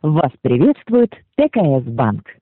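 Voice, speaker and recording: An automated bank phone-line greeting, delivered in a flat, scripted, recorded way. It sounds robotic and tinny over a phone line, with a lively sing-song lilt. Hold music plays clearly underneath. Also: medium pitch, unhurried, dry recording. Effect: automated phone-menu greeting over a line.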